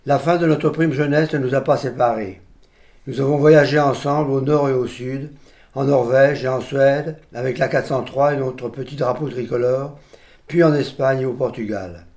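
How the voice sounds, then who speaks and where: A man's voice: medium pitch, darkish tone. Solemn older man giving a eulogy. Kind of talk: funeral eulogy read aloud.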